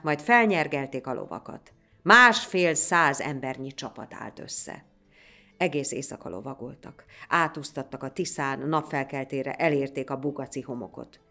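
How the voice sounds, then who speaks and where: A woman narrating a folk tale in a lively, dramatic reading style. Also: sits low. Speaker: storyteller. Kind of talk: storybook narration.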